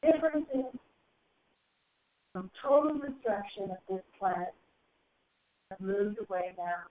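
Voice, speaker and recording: Slow, solemn woman on a tinny phone line. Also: medium pitch, lively intonation. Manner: slow, solemn, drawn-out phrasing with soaring rises. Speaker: spiritual channeler. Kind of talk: channeled spiritual message to a group. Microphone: phone call.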